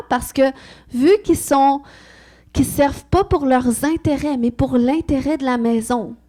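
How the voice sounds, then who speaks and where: A woman with a Québécois French accent delivers a sermon in an earnest, conversational way. Her voice sits high, and she punctuates her points with amens. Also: dark tone. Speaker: preacher.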